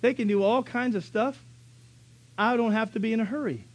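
A man voicing his own dad as a calm, stubborn father lecturing his child. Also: very high-pitched, moderate pace, pitched above the performer's own voice. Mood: matter-of-fact. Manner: matter-of-fact, lecturing.

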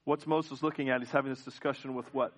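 A man's voice: medium pitch, steady tone, quick pace. A male pastor preaching a sermon in a church, asking the congregation questions and often restarting his sentences. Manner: frequent restarts and repeated words. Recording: dull lo-fi church recording.

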